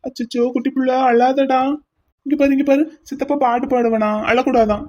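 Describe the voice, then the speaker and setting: A woman's voice: high-pitched, steady tone, fairly quick, very noisy, lightly acted. Woman voicing a doting, clumsy young uncle. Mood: cooing. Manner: cooing, doting. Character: young uncle clumsily soothing a crying baby. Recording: dull lo-fi audio.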